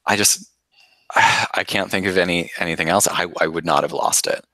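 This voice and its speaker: Man doing a deep, halting young minotaur with a soft spot, dry close sound. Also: no room sound. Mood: sentimental. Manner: halting, filler-heavy delivery. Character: young male minotaur, sentimental and guilty.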